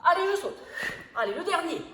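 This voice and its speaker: A woman fitness instructor leading a workout, counting reps and calling out cues with energetic encouragement, a little breathy from exertion. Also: very high-pitched, fairly quick. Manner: energetic, encouraging drill calls. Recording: echoey room, noticeable background noise.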